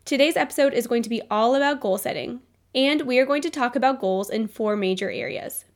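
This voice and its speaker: A woman's voice: fairly high pitch, fairly quick, creaky. A young adult woman hosting a solo business podcast, upbeat and motivational, her voice nasal from a cold. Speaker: podcast host.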